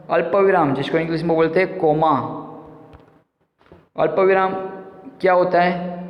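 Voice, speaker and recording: A male teacher works through a grammar lesson in a patient way, repeating points and asking the class questions. His voice sits fairly high. The sound is dull and lo-fi, with a long echo from the room. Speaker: school teacher. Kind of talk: explaining a Hindi grammar lesson.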